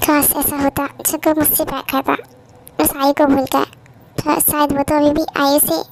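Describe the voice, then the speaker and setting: A woman voicing a young wife in a contract marriage, who pleads softly and grows hushed and wistful, in an amateur fan dub. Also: sits high, level tone, moderate pace, slight background noise.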